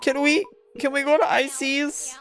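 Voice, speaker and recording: A woman voicing a bubbly valley-girl woman who gushes, says "like" constantly, and squeals in a high, drawn-out way. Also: little pitch movement, soft background music. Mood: gushing.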